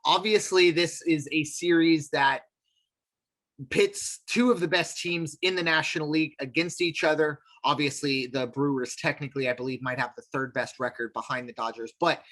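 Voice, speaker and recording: On a casual sports podcast, a co-host with a somewhat high, slightly bright voice rambles along, full of fillers and restarts.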